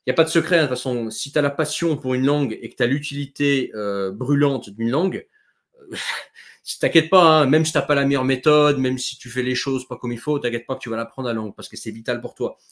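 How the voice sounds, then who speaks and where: A man in an easygoing chat on a video call, with a middle-pitched voice. He talks in an animated, chatty way, full of fillers and quick asides. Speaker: host. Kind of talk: casual chat.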